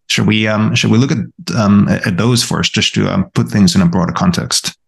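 A man's voice: lowish voice, normal speed, creaky. A man co-hosting an academic discussion, thoughtful and full of restarts and repeated words. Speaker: podcast co-host, college professor.

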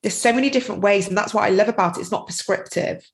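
A middle-aged woman with a mid-range voice talks very fast as a guest on a casual podcast interview, over a low-quality recording. A tapping practitioner and parent, she rambles chattily and keeps saying "you know."

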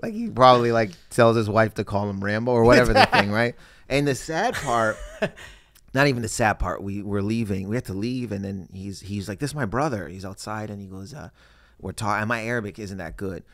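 A man's voice: lowish voice, fairly quick, dry recording, clean studio sound. A man, a comedian, telling a story in casual conversation and acting out the voices of the people in it. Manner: animated storyteller who acts out quoted voices. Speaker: stand-up comedian guest.

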